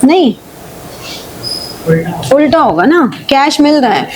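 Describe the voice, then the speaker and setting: High-voiced woman teacher, slow deliberate delivery. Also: very animated, darkish tone, a little hiss or hum, low-quality recording. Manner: reads question text slowly, then explains in quick Hindi-English mix; checks understanding with frequent "ठीक है" and questions. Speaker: accountancy teacher. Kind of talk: live online class, solving problems step by step.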